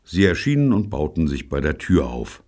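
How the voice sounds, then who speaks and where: A man's voice: very deep voice, sing-song, moderate pace, a little mellow. A man narrating an audiobook in a dry storytelling manner.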